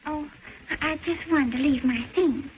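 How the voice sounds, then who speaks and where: A woman's voice: high-pitched, a little slow. An actress playing a politely insinuating young female student in stagey old-movie style, on a very muffled, hissy 1920s soundtrack. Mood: coy, prying. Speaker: film actress. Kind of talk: stagey early-talkie 1920s movie acting.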